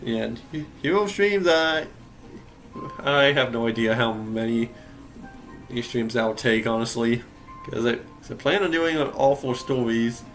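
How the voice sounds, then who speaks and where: A man's voice: mid-range voice, lively intonation, unhurried, fairly bright tone, soft background music. A young man giving casual gameplay commentary, rambling and correcting himself, often laughing. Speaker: game streamer.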